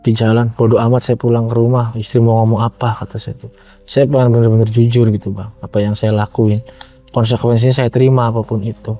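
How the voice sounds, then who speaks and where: A man's voice: medium pitch, fairly quick. Indonesian man storytelling over music, dull audio. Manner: animated retelling with acted-out quotes. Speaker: guest telling his own story. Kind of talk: casual personal storytelling.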